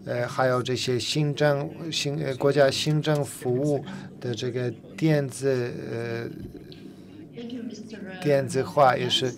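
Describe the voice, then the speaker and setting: Male simultaneous interpreter, mid-pitched, halting with fillers, crowd noise behind. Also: fairly even intonation. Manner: halting, many fillers and repeated words.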